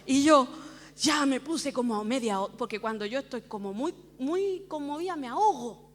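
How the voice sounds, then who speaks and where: A middle-aged woman pastor giving a lively personal testimony in church, often laughing at herself as she tells it. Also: sits high, moderate pace. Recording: long church hall reverb.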